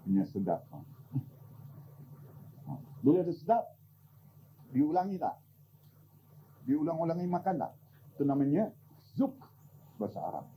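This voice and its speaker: An older man giving an informal religious talk, animated and teasing, often asking his listeners questions. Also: fairly high pitch, unhurried, long pauses, slight background noise, low-quality recording. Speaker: religious teacher.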